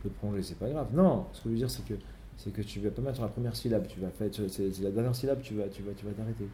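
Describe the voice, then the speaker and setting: A man's voice: fairly low pitch, fast talker, mellow, a little hiss or hum. A man teaching a Torah study lesson, explaining step by step and mixing in many Hebrew terms.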